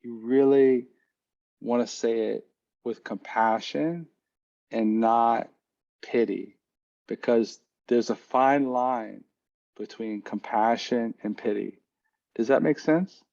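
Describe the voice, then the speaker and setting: A man teaching a mindfulness class in a lively, joking and direct way. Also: mid-range voice, slow, creaky, pauses often, lo-fi sound.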